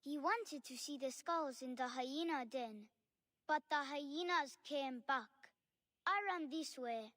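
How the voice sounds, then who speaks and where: A small village child in a video game. The voice is very high and slow, hesitant and anxious. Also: female voice, a bit bright, no room sound, studio quality. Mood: worried. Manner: hesitant, worried.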